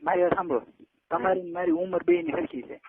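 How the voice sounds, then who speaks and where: A man in his 20s calls on a narrowband phone line, his Gujarati accent evident as he insistently coaxes someone in a relaxed private conversation. He sounds high, very animated, fast, creaky and slightly rough, with no echo.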